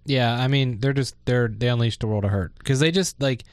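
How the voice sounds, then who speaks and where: A man co-hosts a casual tech podcast in a studio. He speaks in a laid-back, offhand way, often pausing and restarting. His voice has a middle pitch and a dry, close sound. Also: clear, resonant tone, no echo. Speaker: podcast co-host. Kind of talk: casual tech news chat.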